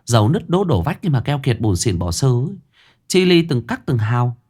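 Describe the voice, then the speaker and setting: Male reader doing a gossipy, sharp-tongued young village woman, pitched up high. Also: sing-song, moderate pace. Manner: scolding, chatty, indignant.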